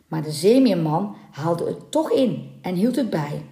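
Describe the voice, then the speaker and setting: A woman narrating an old folk legend in a calm and dramatic storybook style. She reads very slowly and deliberately, with her voice at a moderate pitch. The recording has a noticeably roomy echo. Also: gravelly. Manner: calm, measured, dramatic reading. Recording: roomy echoing room.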